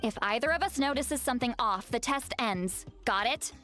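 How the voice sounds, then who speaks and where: An actress playing a composed adult woman leader in a video game, speaking with calm authority. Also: a little high, normal speed, soft background music. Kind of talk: game voice acting.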